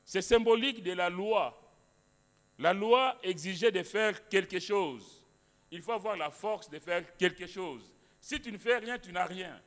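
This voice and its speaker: A man's voice: sits high, a little slow. A male pastor preaching a sermon in a church, emphatic, repeating phrases with many restarts. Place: church hall. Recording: long hall reverb.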